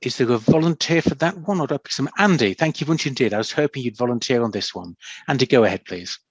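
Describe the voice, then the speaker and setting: Courteous male moderator, mid-pitched, on dry, muffled call audio. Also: lively intonation, breathy edge, dry recording. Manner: polite, measured, reads questions out. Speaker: debate moderator. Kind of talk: chairing a panel Q&A. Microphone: video call.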